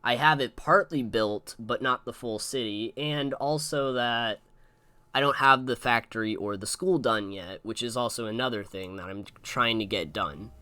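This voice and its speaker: A man's voice: mid-range voice, moderate pace, sharp tone, smooth, no echo. A young man hosting a casual re-watch commentary, rambling through asides and fillers into a close mic. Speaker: host.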